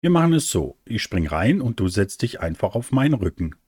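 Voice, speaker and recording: Male narrator doing a big, gentle young elephant, friendly and a touch unsure, storybook. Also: on the low side, sing-song, brisk, husky, no room sound, studio quality.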